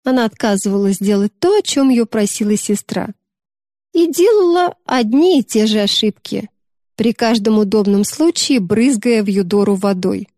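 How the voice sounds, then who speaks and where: A woman narrating a novel in a smooth, expressive storybook reading. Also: medium pitch, moderate pace, no room sound, studio quality.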